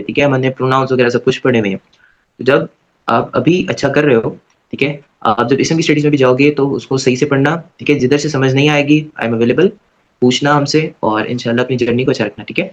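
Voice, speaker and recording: Male Arabic grammar teacher, online class lecture, casual repetitive manner, slowly chanted verb forms, muffled lo-fi sound. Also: mid-range voice. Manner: casual and repetitive, checking in with "theek hai?" after every point. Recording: dull lo-fi recording.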